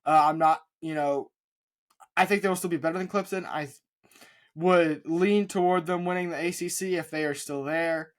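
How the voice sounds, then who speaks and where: Higher-voiced young man giving sports picks. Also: fairly even intonation, moderate pace. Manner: confident, leans on fillers. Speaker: podcast co-host. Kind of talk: casual sports talk.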